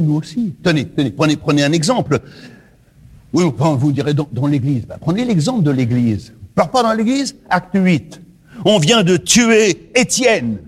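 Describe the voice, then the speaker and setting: A man with a slightly rough voice preaches a sermon to his congregation, alternating between loud, rising lines and hushed, low questions.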